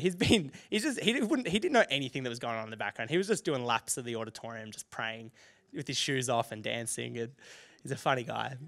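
A young adult man with an Australian accent, a youth pastor telling a lively story in a sermon, laughing and acting out the people in it. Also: mid-range voice. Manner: animated, laughing, acts out dialogue. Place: church auditorium.

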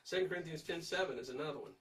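A man's voice: fairly high pitch, very fast, a bit bright, distant mic, low-quality recording. A man teaching a verse-by-verse Bible study in an emphatic, urging way, putting direct questions to his listeners.

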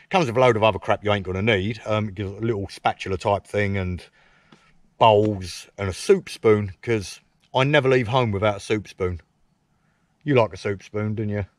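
A camping vlogger from England, with a lowish voice at a moderate pace, chats outdoors at his woodland camp to a camera mounted close on a tripod. His banter is cheeky and teasing toward a friend, laced with dry self-mockery, and the recording is dry with no room echo.

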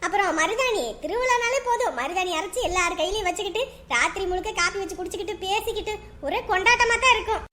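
A woman's voice: very high-pitched, quick pace, hardly any pauses, background noise. A middle-aged woman acting as a caring, bossy mother-in-law in a family drama. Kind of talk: family web series acting.

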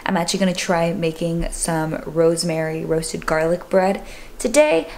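Young woman, lowish voice, casual home vlog, chatty with fillers, faint background hiss. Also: normal speed, a little mellow. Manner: chatty, filler-heavy with many "like"s. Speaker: fitness vlogger. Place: home kitchen, indoors.

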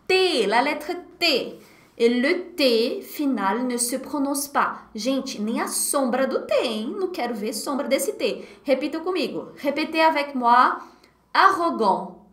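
A Brazilian woman teaching a live beginner French class online, animated and drilling words by repetition, laughing often. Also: high-pitched, reverberant. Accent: Brazilian Portuguese. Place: home setup at her computer. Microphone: computer mic.

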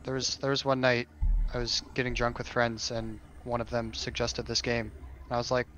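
A man's voice: mid-range voice, monotone, normal speed, a bit bright, poor audio. A man being coached at a game, chatting casually with hesitant, easygoing short replies. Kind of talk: casual chat on a game stream.

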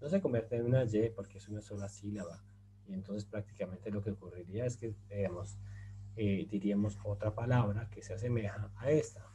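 A man's voice: on the low side, dark tone, a little hiss or hum. A man teaching a beginner Turkish lesson, repeating example phrases and asking his students rhetorical questions. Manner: explains patiently, repeats example phrases slowly; asks rhetorical questions to the class. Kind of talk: slide-based language lesson.

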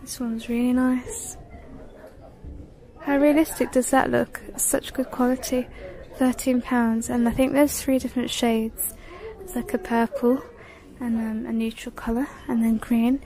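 A young vlogger narrates a casual shopping trip through a spacious home decor store, recorded on a handheld phone camera. She speaks unhurriedly in a level, dark-toned voice that is slightly high, chatting, quoting prices, and occasionally dropping to a whisper.

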